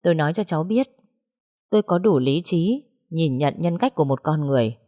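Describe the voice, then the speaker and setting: A woman voicing a stern but calm adult man in an audio story. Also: sits low, a little fast. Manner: firm, controlled.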